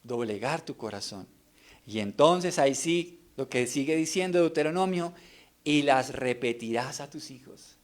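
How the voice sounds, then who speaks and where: Earnest preacher, higher voice. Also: male voice, moderate pace. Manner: earnest, asks rhetorical questions to the congregation. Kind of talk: sermon.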